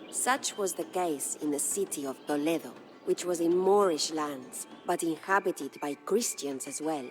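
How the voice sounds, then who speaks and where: An actress voices a proud, grieving Spanish noblewoman, a widow and lady of a castle, narrating a dramatic scripted story for a game. Her low voice carries formal, solemn, measured phrasing with a light touch of acting, and music is clearly audible behind her.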